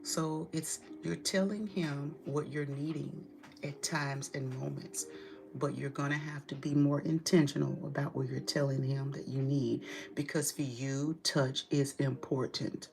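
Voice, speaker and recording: A woman's voice: low-pitched, steady tone, measured pace, gravelly, noisy background. A woman giving a tarot reading straight to her client, direct and emphatic, with casual swearing. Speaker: tarot reader.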